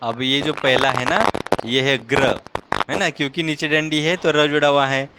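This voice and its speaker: A man teaching a one-on-one reading lesson, patiently explaining letter by letter and repeating each word slowly. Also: on the high side, steady tone, background noise. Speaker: language teacher.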